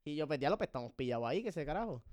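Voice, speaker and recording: Puerto Rican man, podcast host, smooth higher voice, swears a lot and rants as he tells it. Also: very fast. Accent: Puerto Rican Spanish. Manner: profane, animated, self-mocking storytelling. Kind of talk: casual storytelling chat.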